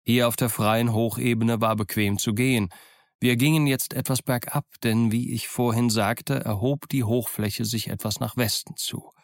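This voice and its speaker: A man narrating an audiobook in a calm, measured storytelling voice. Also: medium pitch, no echo, clean studio sound. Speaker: audiobook reader. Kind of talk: scripted narration.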